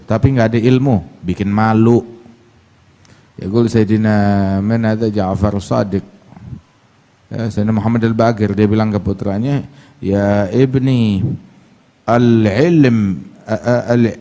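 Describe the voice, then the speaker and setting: A man preaching a sermon. He talks emphatically, leaps up in pitch to mock, and slows right down to recite Arabic sayings. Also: warm tone. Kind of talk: religious sermon.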